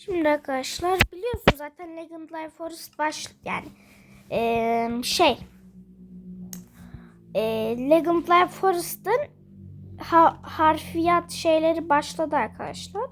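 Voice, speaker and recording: A young female gamer, sick and coughing, chatting quietly from her bedroom while she plays, rambling with lots of fillers. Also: high voice, slow, a little hiss or hum. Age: school-age. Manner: rambling, many fillers, self-amused. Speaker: gaming vlogger. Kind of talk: casual let's-play chat. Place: bedroom at home.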